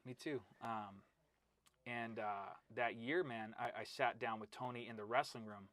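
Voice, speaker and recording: Speaking at a measured pace in a mid-range voice, a middle-aged wrestling coach recounts stories in an informal interview. He acts out the quotes with animation, addresses his listener as "bro," and often adds "right?".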